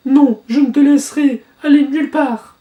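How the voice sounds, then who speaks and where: A man voicing a clingy, lovestruck young fairy woman in a high put-on falsetto. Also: fairly even intonation, normal speed, echoey room, recorded from a distance, dull audio. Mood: possessive.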